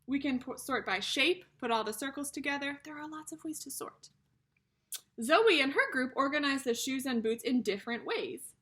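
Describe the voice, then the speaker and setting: Speaking to young children as friends, a teacher reads them a picture book and explains things in simple terms. Her high-pitched, slightly bright voice is animated and moves at normal speed.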